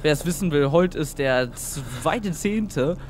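A man's voice: fairly high pitch, animated, slow, noisy background. Scared young man narrating a horror game. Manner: jittery, talks to himself, swings between loud outbursts and near-whispers; repeats phrases nervously. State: scared and tense. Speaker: let's play gamer.

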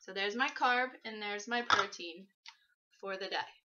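A woman's voice: mid-range voice, unhurried, noisy background. A woman in her twenties chatting casually as she demonstrates something in her home kitchen, moving around as she talks. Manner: chatty and practical, moving around while explaining. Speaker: fitness vlogger. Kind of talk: casual how-to vlog. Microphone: camera mic from across the room. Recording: dull lo-fi camera audio.

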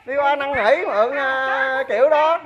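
A woman's voice: high voice, measured pace, a loud crowd. A woman with a Southern Vietnamese accent, hurling accusations and repeated challenges in a heated argument, recorded on a phone. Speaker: creditor confronting a debtor. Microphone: phone camera. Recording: dull phone audio with faint noise.

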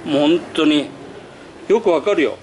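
A man's voice: a little high, animated, normal speed, darkish tone, a little hiss or hum. A man chatting casually in a repair workshop, telling stories and acting out quoted phone calls, laughing often. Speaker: wheel repair shop worker.

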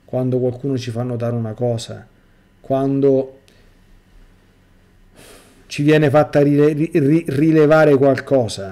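A middle-aged priest with a mellow, dark voice, giving a sermon. He reads a first-person testimony and breaks off to press points on his listeners. His delivery stays at an average pitch for a man. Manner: reads aloud then breaks off to exhort listeners directly. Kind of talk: sermon reading and commenting on a testimony.

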